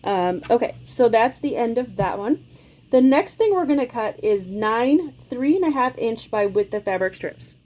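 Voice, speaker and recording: The host of a quilting channel, a woman in her forties, sounds animated as she goes through a casual sewing tutorial in her home sewing room. Her voice is a little high and a little mellow, at normal speed, and she explains each step in a chatty, friendly way. She has a slight cold and coughs occasionally.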